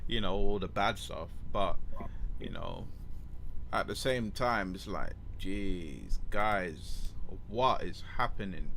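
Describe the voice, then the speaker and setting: A man's voice: sits low, expressive, slow pace, gravelly, fairly bright tone, slight background noise. A man with a London roadman accent and street slang, hosting a casual podcast and often repeating his words and phrases. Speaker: podcast host.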